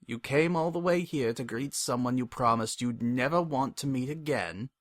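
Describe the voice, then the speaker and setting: A man's voice: medium pitch, moderate pace, no room sound, studio quality, pitched above the performer's own voice, natural voice. A man voicing an ancient imprisoned monster, bitter and vengeful, in a hammy, theatrical dramatic story reading. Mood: furious, scornful. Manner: hammy, theatrical stage-actor delivery.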